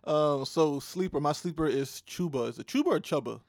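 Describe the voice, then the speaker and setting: A man's voice: on the high side, moderate pace, a little mellow, dry recording, studio quality. A man co-hosting a casual fantasy football show, easygoing with lots of ums and playful team banter. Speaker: fantasy football podcast co-host. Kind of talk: casual sports chat.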